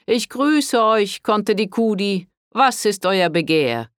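A man voicing a stern, scheming older priest who speaks slowly and haughtily in an audiobook. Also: high voice, animated, fairly bright tone, no room sound, clean studio sound, voice pushed up, exaggerated voice. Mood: smooth. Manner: severe, slow and haughty.

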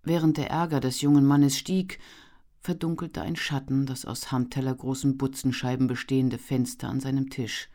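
A narrator reading a historical novel aloud in measured, expressive audiobook narration. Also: medium pitch.

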